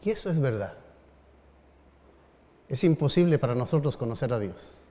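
A middle-aged man, a pastor telling a story in a sermon with measured phrasing and dramatic pauses. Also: medium pitch, animated, mellow. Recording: long reverb of a large hall.

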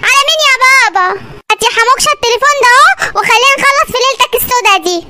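A performer voicing a jealous, nagging wife in an animated sketch, speaking with an Egyptian accent. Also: a little hiss or hum, full character voice. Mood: accusing. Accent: Egyptian Arabic. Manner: shrill, nagging, quick-tempered. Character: jealous shrill wife accusing husband.

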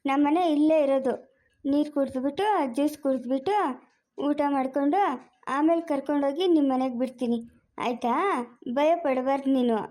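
A woman's voice: sits high, fairly even intonation, fairly quick, pauses often, dark tone, close to an everyday voice. A woman playing a sly male kidnapper who sweet-talks a lost child in an amateur family skit. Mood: coaxing. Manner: sweet-talking, coaxing, then snapping.

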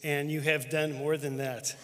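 A man's voice: fairly high pitch, level tone, measured pace. A middle-aged man, a church superintendent, giving an earnest, storytelling tribute to a pastor friend on stage. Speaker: denominational superintendent. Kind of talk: heartfelt tribute speech. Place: large church auditorium with live audience. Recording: long hall reverb.

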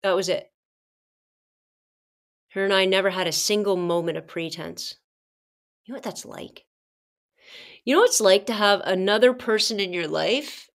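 A woman's voice: medium pitch, normal speed, long pauses. A middle-aged woman hosting a podcast, telling casual personal stories in a chatty way and calling her listeners "guys". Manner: chatty, addresses listeners as "guys", many fillers and asides. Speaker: podcast host.

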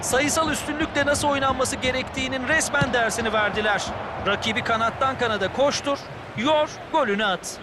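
A man's voice: extremely high pitch, brisk. A man giving analytical co-commentary on a football match, commenting on the play. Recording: clear stadium noise behind the voice.

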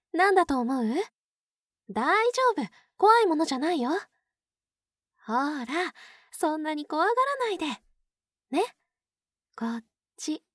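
Woman acting a very high-pitched, sweetly possessive yandere. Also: no room sound, clean studio sound, full character voice. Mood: tender, coaxing. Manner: coaxing, cooing, talks as to a pet. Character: obsessive yandere older-sister type, sweetly possessive captor. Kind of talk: Japanese ASMR role-play.

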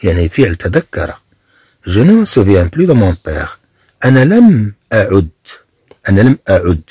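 A man with a Moroccan accent, teaching a bilingual reading lesson, explaining slowly and repeating phrases. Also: on the low side, wildly swooping pitch, mellow, slightly rough, no room sound, clean studio sound.

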